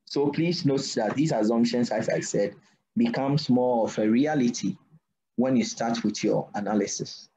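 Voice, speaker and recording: A man lecturing a class at a deliberate pace, often pausing to ask "what?" so students can fill in the word. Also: medium pitch, mellow. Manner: asks students to finish his sentences with "what?"; slow deliberate delivery. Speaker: university lecturer. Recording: dull lo-fi recording.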